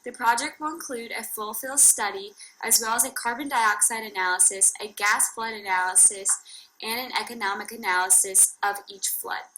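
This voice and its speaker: Higher-voiced young woman reading project scope. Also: normal speed, sharp tone, slight background noise, poor audio. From Louisiana. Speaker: student presenter. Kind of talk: read class presentation.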